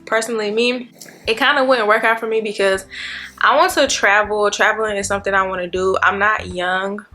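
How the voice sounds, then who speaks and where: A woman's voice: mid-range voice, sharp tone. A woman in her twenties, a nursing student vlogging in a chatty, rambling way, talking straight to her viewers. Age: 20s. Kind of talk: casual chat to camera.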